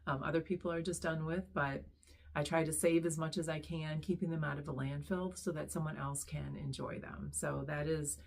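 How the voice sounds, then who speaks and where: A middle-aged woman, hoarse after losing her voice, chatting casually as she introduces her reselling channel with many pauses and ums. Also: low voice, fairly even intonation, a little mellow. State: hoarse, recovering lost voice. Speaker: online reseller, channel host.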